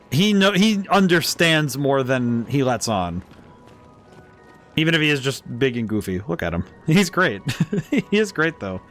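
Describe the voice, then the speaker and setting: A man's voice: a little high, fairly bright tone. A man giving casual live game commentary as a streamer, enthusiastic and thinking aloud. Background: game music.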